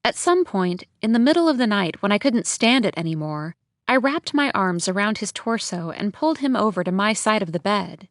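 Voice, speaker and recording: A woman's voice: medium pitch, big pitch swings, moderate pace, no echo, studio quality. A woman reading a novel aloud as a first-person narrator, in an intimate, reflective way. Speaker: audiobook narrator.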